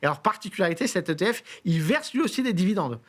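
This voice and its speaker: Man, slightly high voice, expert guest, interview, methodical, hesitant, self-correcting. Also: big pitch swings, fast talker, a bit bright. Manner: hesitant, restarts phrases, methodical explaining. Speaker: invited investment expert. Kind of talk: explanatory studio interview.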